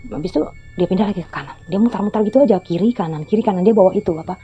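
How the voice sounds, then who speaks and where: A woman's voice: medium pitch, very fast, warm tone. A woman in her fifties telling a story in a chatty, rambling way, often repeating who said what. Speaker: storytelling vlogger. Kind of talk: casual storytelling. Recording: slightly dull lo-fi audio with faint music.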